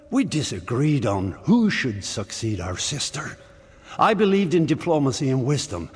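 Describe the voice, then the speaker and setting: An actor playing a proud, defiant warrior king and war chief with a commanding, declamatory delivery in a fantasy game. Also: on the low side. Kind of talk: dramatic fantasy game acting. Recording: long hall reverb, faint game music.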